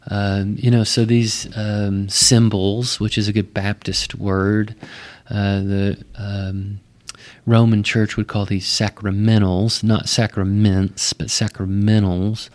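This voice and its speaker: A man with a West Texas twang, explaining things conversationally and thoughtfully like a pastor, often pausing mid-phrase. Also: lowish voice, little pitch movement. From West Texas, United States. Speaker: Baptist pastor.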